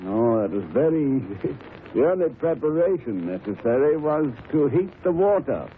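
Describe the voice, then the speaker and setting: A man's voice: on the high side, big pitch swings, moderate pace. A tinny 1930s radio drama recording with faint noise. a genial old English doctor, an avuncular storyteller who chats and savors his reminiscences. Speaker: storyteller narrator.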